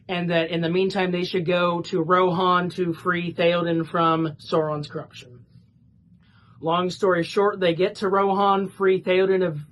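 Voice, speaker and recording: A woman's voice: on the low side, lo-fi sound, a little hiss or hum. A woman giving a casual, rambling plot summary for a book review, with lots of fillers and restarts.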